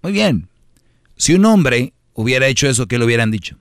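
Sarcastic radio host, dry studio sound. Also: male voice, medium pitch, sing-song, moderate pace, no room sound. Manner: teasing, sarcastic, argumentative. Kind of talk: casual studio banter.

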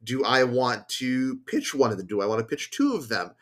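A man's voice: medium pitch, moderate pace. A man, a podcast guest, talking casually about a card game and thinking aloud with many fillers and restarts. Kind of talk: casual chat.

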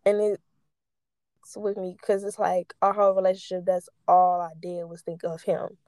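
A woman's voice: lowish voice, flat delivery, unhurried, a little mellow, no echo. A young woman telling personal stories casually, stoned and rambling, losing her thread, with candid slang and free swearing.

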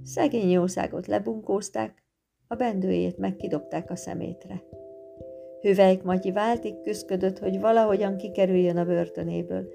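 Lady reading a fairy tale out loud, kinda gravelly, guitar going in the back. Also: medium pitch. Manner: lively expressive reading. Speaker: narrator. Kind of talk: storybook reading. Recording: guitar music behind.

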